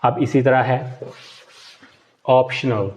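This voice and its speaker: A man's voice: medium pitch, normal speed, noisy background. Man teaching Italian in a live class. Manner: explains step by step, asks and answers his own questions; mixes Hindi-Urdu with English and Italian words. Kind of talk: live online language class.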